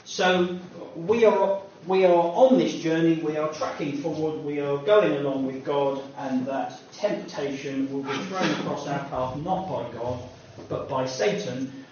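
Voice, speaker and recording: A man's voice: a little high, unhurried, few pauses, a little mellow, slight background noise. Echoey, distant male preacher. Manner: conversational, self-deprecating preaching with asides. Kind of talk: sermon. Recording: echoey distant room mic, dull sound.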